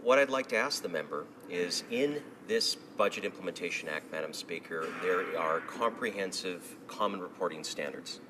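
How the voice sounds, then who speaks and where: Very deep-voiced man in parliament. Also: lively intonation, moderate pace, few pauses, noisy background. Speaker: member of parliament. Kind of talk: parliament speech, putting a question. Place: legislative chamber.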